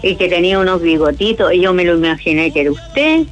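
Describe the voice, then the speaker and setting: A woman's voice: fairly low pitch, fast talker, faint music behind. A cheerful, chatty woman from Chile with a Chilean accent, calling into a radio show by phone and laughing often. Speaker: caller. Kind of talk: phone-in chat. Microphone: phone call.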